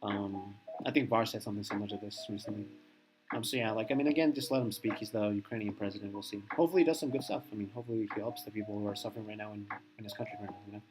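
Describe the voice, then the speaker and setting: Male streamer, mid-pitched, quick and rambling, opinionated reaction chat over music. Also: steady tone. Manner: rambling, filler-heavy, opinionated.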